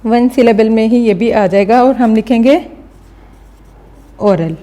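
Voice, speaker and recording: A woman teaching a recorded lesson, her voice slightly high and mellow. She explains patiently and step by step, stopping often to check that the class is following. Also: measured pace. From Pakistan.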